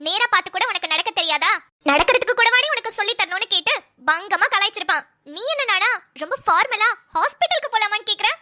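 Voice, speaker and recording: A woman voicing a lively young woman who teases her childhood friend in quick banter. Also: very high voice, full character voice. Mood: teasing.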